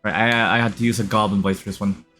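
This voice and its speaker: A man streaming a video game live, commenting casually in a relaxed, rambling way with many fillers. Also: on the low side, quick pace, soft background music.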